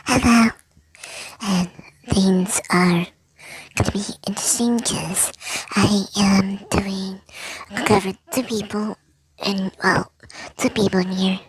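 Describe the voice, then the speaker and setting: A man talking through a voice changer that makes him sound higher, chatting to viewers in a rambling, hesitant way about his characters. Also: fairly even intonation, slow, a crowd in the background, poor audio. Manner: rambling, hesitant, many fillers and restarts. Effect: voice changer shifting his voice higher. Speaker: storyteller presenting original characters. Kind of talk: casual chat to viewers.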